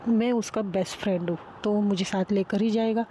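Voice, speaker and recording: A woman's voice: mid-range voice, fairly even intonation, warm tone, a little hiss or hum, lightly acted. Woman playing a teasing young man. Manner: playful, drawn-out, teasing.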